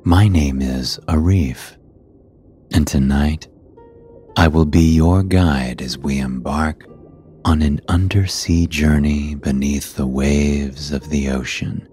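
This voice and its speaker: A man narrating a scripted sleep story as a guide, in a calm, hushed and soothing manner. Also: a bass voice. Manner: calm, hushed, unhurried guiding delivery. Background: soft music.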